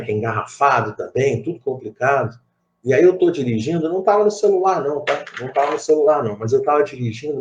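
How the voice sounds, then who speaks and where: With a mid-range, darkish voice, a middle-aged man from Rio de Janeiro, Brazil, guides a spiritist study group. He talks conversationally, telling stories laced with asides and phrases he repeats.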